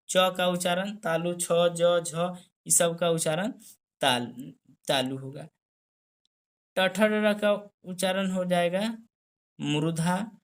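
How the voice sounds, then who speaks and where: A woman teaching grammar to students, taking her time over every point. Her voice sits a little low and her delivery is unhurried. She repeats the key items and quizzes the listener as she goes. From India. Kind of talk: classroom-style lesson.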